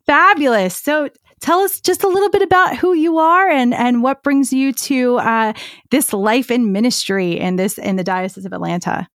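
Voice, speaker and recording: A woman's voice: high-pitched, moderate pace, no echo, studio quality. A woman hosting an interview podcast, upbeat and enthusiastic. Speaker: podcast host.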